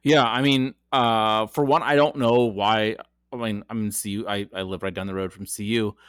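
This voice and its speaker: On a podcast, a male co-host chats casually about football, often saying um and restarting his sentences. His voice is on the low side yet fairly bright, clear and resonant, with a steady tone and moderate pace. The clean studio sound has no room sound.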